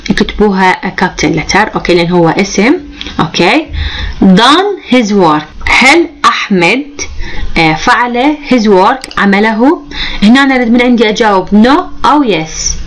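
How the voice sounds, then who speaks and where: An Iraqi woman teaching English grammar for an exam, with an even, mid-pitched voice. She talks her students through each example patiently and keeps checking in with "okay". Whenever she reads the English sentences, she slows right down and says them clearly. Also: low-quality recording. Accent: Iraqi Arabic. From Iraq. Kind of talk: exam-prep lesson explaining grammar.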